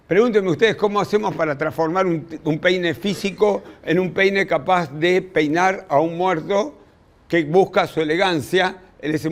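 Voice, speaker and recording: A man with a Rioplatense Spanish accent, a rabbi teaching a class, telling old stories in a lively way, with quick quoted voices and asides to his students. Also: on the high side. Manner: addresses students directly with asides. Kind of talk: storytelling lecture.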